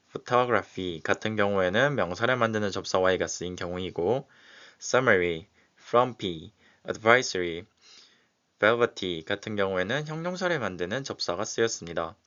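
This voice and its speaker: Lower-pitched man in a slow, methodical lecture. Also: a bit bright. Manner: slow and methodical, walking through examples step by step. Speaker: teacher. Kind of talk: explaining exam questions in a lecture. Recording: dull, lo-fi recording.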